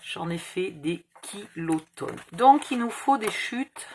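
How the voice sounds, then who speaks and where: A woman's voice: medium pitch, lively intonation, slow, slight background noise. A woman with a slight Provençal accent, hosting a casual crafting tutorial, thinking aloud over measurements and correcting herself. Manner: muttering measurements, self-correcting.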